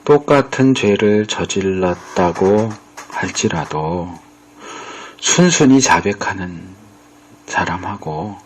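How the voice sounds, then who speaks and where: A man's voice: sits low, expressive, slow, a little hiss or hum. A male pastor giving a conversational sermon, acting out bits of dialogue as he explains. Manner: conversational preaching, acts out quoted dialogue.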